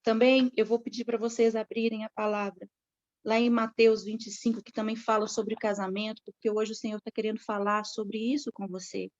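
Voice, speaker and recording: A woman's voice: a little high, little pitch movement, fairly quick, darkish tone. A woman preaching a sermon to other women with a fervent, repetitive cadence. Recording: dull lo-fi recording.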